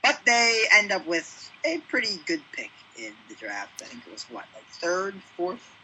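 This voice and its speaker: A young man co-hosting a sports podcast, with a high voice that swings widely and a husky edge. He chats casually, cutting in with jokes and side remarks. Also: wildly swooping pitch, moderate pace, sharp tone, poor audio. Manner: chatty, jokey interjections. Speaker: podcast co-host.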